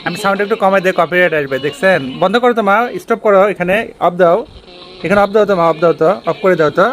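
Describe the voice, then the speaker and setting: A woman talking casually at home to viewers, gently coaxing and encouraging her small daughter. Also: fairly low pitch, rapid-fire, soft background music. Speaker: mother showing her vintage cassette player. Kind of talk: casual home video narration. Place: indoors at home at night.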